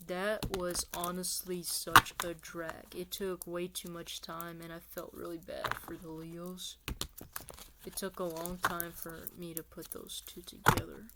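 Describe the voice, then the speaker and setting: A woman's voice: fairly low pitch, very noisy. A woman giving a casual tarot reading, chatty and rambling, talking straight to her viewers as "you guys". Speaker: tarot reader.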